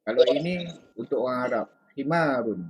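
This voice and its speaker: A man with a Malaysian Malay accent, tutoring Arabic in a relaxed, casual chat and saying "ha" often. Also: medium pitch, moderate pace, slightly rough, poor audio.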